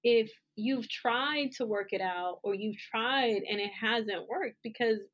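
A woman's voice: a little high, slow, a bit bright. Frank, laughing woman podcast co-host. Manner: frank, swears freely, laughs often. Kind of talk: casual podcast chat.

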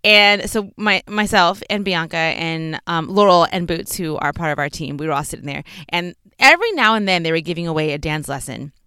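A young woman from Texas hosts her podcast from inside a closet, where clothes deaden the sound and leave it dry and close. Her voice sits a little low and is very smooth and clear. She chats in an upbeat, loose way, full of fillers and small laughs. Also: lively intonation, brisk, few pauses, sharp tone, dry recording. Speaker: podcast host. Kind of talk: casual solo podcast chat.

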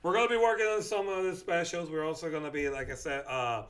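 A man's voice: on the high side, steady tone, fast talker, crowd noise. A man co-hosting a casual podcast, rambling with fillers and laughing often. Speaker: podcast co-host.

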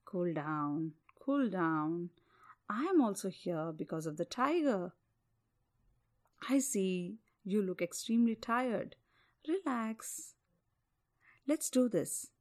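A woman voicing a calm, kind male bear who speaks gently in a storybook tale. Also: medium pitch, takes it slowly, long pauses, voice pushed down. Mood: soothing.

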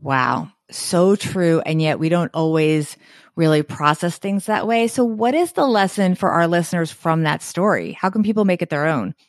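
A woman's voice: on the low side, lively intonation, moderate pace, no room sound, studio quality. A woman from New Jersey hosting a podcast, affirming her guest and asking guiding questions. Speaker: podcast host. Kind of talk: podcast interview.

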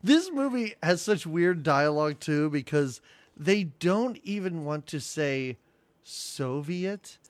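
A man's voice: a little high, lively intonation, slow pace, no echo. A man co-hosting a podcast, chatting casually about a movie with a wry, laughing manner and often acting out its lines. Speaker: podcast co-host. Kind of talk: casual movie review chat.

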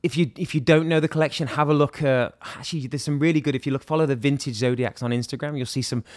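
A man's voice: medium pitch, fairly even intonation, quick pace, no echo, studio quality. Middle aged british guy chatting on a podcast, jokey, keeps restarting, medium voice. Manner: chatty, joking, trails off and restarts. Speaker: watch brand director, guest. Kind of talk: casual podcast chat.

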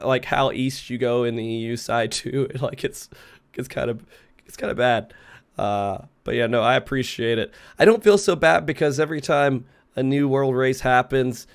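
Congested man hosting, casual and clear. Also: mid-range voice. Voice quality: congested, stuffy nose from being sick. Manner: laid-back, sweary, laughs often. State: sick with a cold. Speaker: host of a gaming talk show. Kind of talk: casual chat. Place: remote online group call, streamed.

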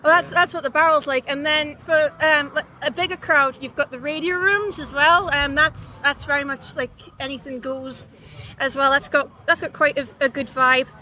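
A woman's voice: high voice, fairly even intonation, moderate pace, bright, forceful tone, a little hiss or hum. A woman, chatting casually and enthusiastically as a band musician being interviewed. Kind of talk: casual chat.

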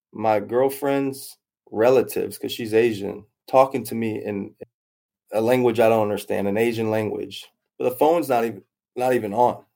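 A fairly low, creaky, slightly mellow voice belongs to a young man telling a casual story about his past. He rambles, circles back over the same phrases, and acts out other people's words in quoted voices.

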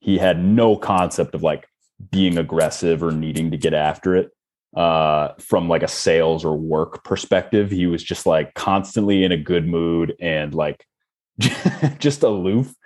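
A man co-hosting a casual chat, animated, laughing often and acting out coworkers' complaints. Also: deep voice, a little slow.

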